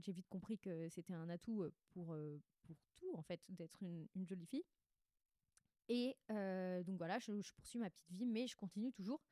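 A woman's voice: medium pitch, dark tone, dry recording. Young woman with a stuffy nose. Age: 20s. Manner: candid, rambling, self-interrupting. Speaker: podcast host. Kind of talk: casual confessional monologue, chatty and slangy.

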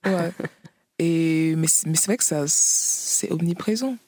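Invitée autrice, femme, parole hésitante pleine de « euh », son sec et proche. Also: female voice, low-pitched, slow, mellow, no room sound. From Paris region, France. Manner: hesitant, many fillers, frequent laughs. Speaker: author guest. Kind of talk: interview conversation.

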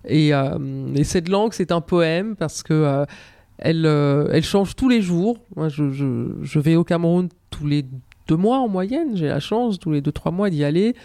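A woman's voice: sits low, lively intonation, moderate pace, mellow, dry recording, clean studio sound. A woman speaking as a podcast guest, thoughtful and hesitant, often restarting her sentences. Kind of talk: podcast interview.

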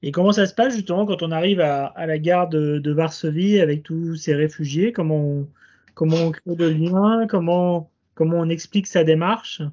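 A man's voice: on the high side, normal speed, darkish tone. A man asking interview questions, restarting his openings as he asks. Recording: dull lo-fi sound.

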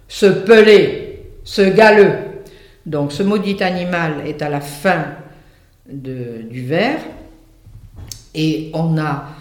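A high-voiced man walks students through a classic fable in verse, slowly and with animated emphasis on each word. His voice rings in an echoey room. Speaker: literature teacher.

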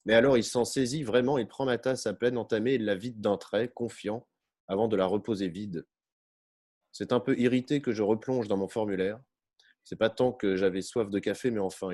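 A man reading a first-person novel aloud as narrator, in a measured, unhurried way. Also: lowish voice, dark tone.

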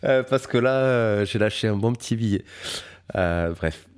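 A man's voice: on the low side, a little slow, clean tone. A young man hosting a podcast in casual chat, hesitant and full of fillers. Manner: hesitant, many fillers, friendly. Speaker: podcast host, guitarist.

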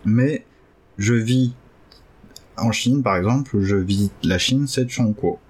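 A man hosting a casual chat who hesitates a lot and jumps up excitedly in pitch now and then. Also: slow, breathy edge. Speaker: podcast host learning Chinese.

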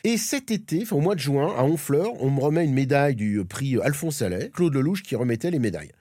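A man spins his stories at a brisk clip, his pitch jumping up and down as he acts out what others told him. He sounds close and dry, with no room around him, chatting as a guest on a talk show. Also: no room sound. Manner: lively storytelling, acting out quoted dialogue. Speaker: guest performer. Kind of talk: anecdotal talk show chat.

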